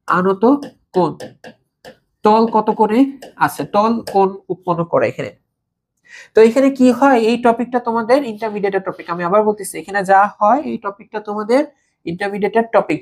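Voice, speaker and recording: A woman's voice: mid-range voice, a little mellow. Woman teaching physics, checking in often. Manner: conversational, keeps checking understanding with questions; repeats key terms for students to note down. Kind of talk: recorded video lecture for school students.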